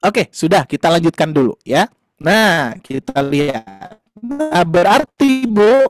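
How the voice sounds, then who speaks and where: Faint music plays behind a man whose expressive, rather high voice moves slowly through an online Quran class. He explains patiently to parents, warmly calling them "Ayah Bunda," and uses plenty of fillers and tag questions.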